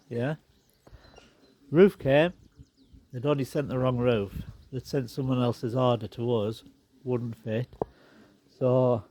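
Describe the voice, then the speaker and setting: Out in his garden, a vlogger whose nose is somewhat blocked gives a laid-back walking tour, rambling and adding dry asides. His voice is mid-range with a dark tone. Birds and animals can be heard around him.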